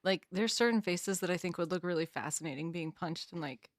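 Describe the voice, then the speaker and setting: A woman's voice: on the low side, no room sound, clean studio sound. A woman co-hosting a podcast in casual, playful banter, giggling often and drawing out her words. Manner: playful, giggly, drawn-out delivery. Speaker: podcast co-host.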